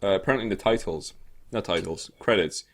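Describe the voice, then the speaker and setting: A man with a lowish voice talks at a quick pace while co-hosting a comedic video game podcast. His casual chat about games rambles and is full of swearing.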